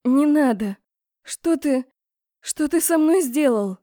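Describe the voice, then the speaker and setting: A woman voicing a flustered young woman student who pleads in high, shrill outbursts. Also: fairly even intonation, drawn-out words, mellow, dry recording, studio quality, exaggerated voice. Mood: pleading, panicky.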